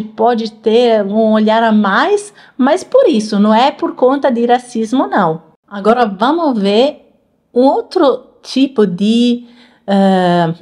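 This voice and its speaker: Chatty woman, slightly high. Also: darkish tone. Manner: chatty, repeats words while searching for them. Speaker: channel host reacting to clips. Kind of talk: casual explanatory chat.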